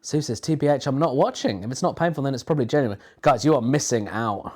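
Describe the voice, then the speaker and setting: A man's voice: mid-range voice, fast talker, darkish tone, husky. A man hosting a casual watch-along stream, sarcastic and dry, with plenty of swearing. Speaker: stream host.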